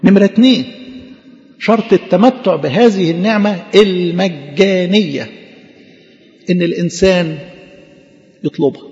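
A man's voice: sits high, moderate pace, long pauses, a little mellow, big-room sound, highs cut off. A man with an Egyptian Arabic accent preaching a sermon, asking questions and answering them himself in a conversational way.

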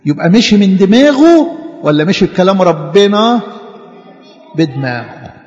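An Egyptian man teaching a Sunday school lesson. He keeps stopping to quiz the children and has them finish his sentences. His voice is high for a man, and it sounds dull and lo-fi in a large, echoing hall. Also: big pitch swings, normal speed, darkish tone. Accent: Egyptian Arabic. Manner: question-and-answer storytelling that leaves blanks for the listeners to fill. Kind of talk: Bible story told to children.

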